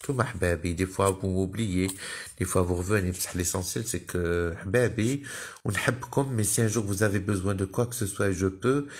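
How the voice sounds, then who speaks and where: Dramatic man with a low voice. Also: fast. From Algeria. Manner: theatrical, emotional, swinging from murmurs to high exclamations. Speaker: social media personality. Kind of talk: rambling live monologue to followers.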